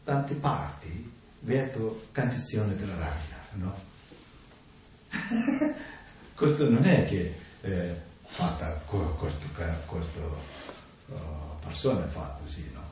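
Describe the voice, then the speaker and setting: A man giving an informal talk on the mind, speaking in halting, simple phrases and often checking in with a questioning "no?" after his points. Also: on the low side, expressive, a little mellow. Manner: halting, simple non-native grammar, keeps adding "no?". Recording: echoey room, distant mic, faint noise.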